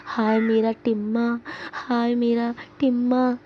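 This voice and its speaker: A woman's voice: level tone, dull audio, slight background noise. A woman reading as a frantic, wailing young mother. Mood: frantic, tearful. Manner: high tearful cries, drawn-out calls. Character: frantic young widowed mother, wailing over her son.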